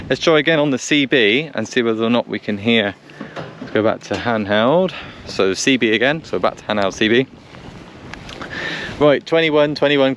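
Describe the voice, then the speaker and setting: A vlogger tests two-way radios outdoors on a country lane, making radio calls and giving casual running commentary while repeating himself as he thinks aloud. His voice is medium-pitched with a fairly bright tone, and vehicle sounds make the recording noisy.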